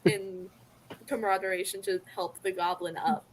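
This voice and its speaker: A woman playing a tabletop game, slow and playful with frequent laughs. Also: medium pitch, steady tone, slight background noise, poor audio. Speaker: player. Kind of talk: casual tabletop play.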